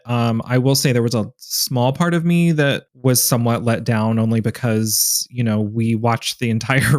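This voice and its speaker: A man's voice: medium pitch, no room sound, clean studio sound. A man co-hosting a podcast, chatting in an enthusiastic, rambling, self-deprecating way. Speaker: podcast co-host. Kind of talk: casual podcast chat.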